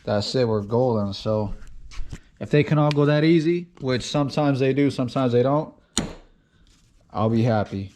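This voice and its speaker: A man talks through his engine rebuild in a casual garage vlog. His delivery stays flat and monotone even when he says he is excited, at a pitch typical for a man. The talk is loose and chatty, as he works in his home workshop. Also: moderate pace, pauses often, a little hiss or hum. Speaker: car build vlogger.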